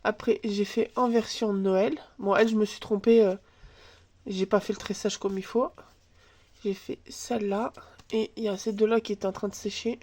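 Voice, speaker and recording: Stuffy-nosed from a cold, a crafts channel host chats through a casual tutorial at her home table, thinking aloud as she works and using filler words. Her voice is medium-pitched, steady and slightly mellow at a moderate pace, picked up by a camera filming from above.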